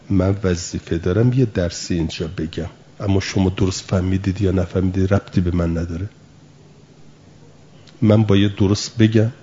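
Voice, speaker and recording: A man's voice: sits low, dark tone, dull audio, slight background noise. A man teaching a lesson, patiently explaining through everyday examples and asking rhetorical questions. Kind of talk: spoken lesson.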